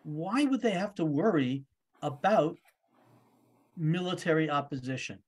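A man leading a virtual Torah study group over a video call, animated and playful, acting out the voices in the stories he tells. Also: fairly high pitch, measured pace, slightly rough. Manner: animated, acts out voices in quotes.

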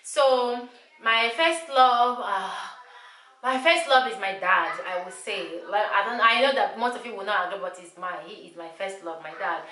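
Speaking at a normal pace in a mid-range voice, this Igbo-speaking Nigerian woman in her thirties sounds bright and forceful. She vlogs casually to camera from a small, bright room, often repeating herself, and the recording is echoey.

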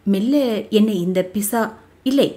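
A woman's voice: medium pitch, unhurried, warm tone, natural voice. Woman reader doing an older man, a guru, pitiful, pleading, audio novel figure.

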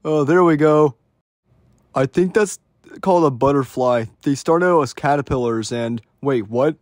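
A man's voice: mid-range voice, measured pace, no room sound, clean studio sound, natural voice. A man voicing a goofy, fussy young cartoon character in an improvised, casual comedy dub. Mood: bemused.

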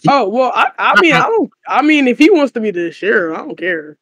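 A man's voice: very high-pitched, big pitch swings, fairly quick, a bit bright, dry recording. A man in casual voice chat, talking brashly and teasing as the new sheriff of a roleplay server.

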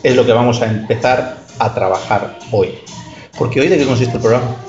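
A man from hosting an informal interview, halting and repeating phrases as he introduces his guests. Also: medium pitch. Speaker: radio show host. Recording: echoey, muffled, loud music behind.

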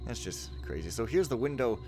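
A man records casual let's play commentary in a rambling, informal way. His pitch is ordinary and his delivery sardonic. Game music and sound play clearly behind him. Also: sing-song, a little fast. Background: video game sound and music.

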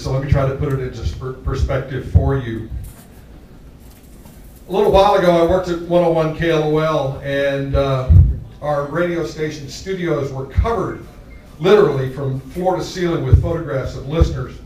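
An older Texan accepts an award on stage in a large hall, telling jovial stories into a handheld mic and laughing along with the crowd. His voice is medium-pitched and a little mellow. Filmed from far off, the audio is echoey with a little hiss or hum.

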